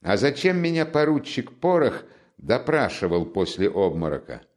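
A man's voice: mid-range voice, sing-song, normal speed, voice pushed up, close to an everyday voice. A man reading the part of a feverish, overwrought young student who mocks and taunts the man he is talking to. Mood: taunting, feverish. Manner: mocking, nervous, teasing. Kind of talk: audiobook character reading.

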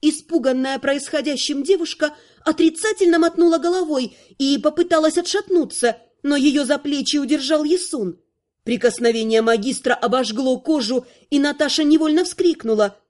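A woman giving a scripted narration of a fantasy story in an even, expressive reading. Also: high voice, moderate pace.

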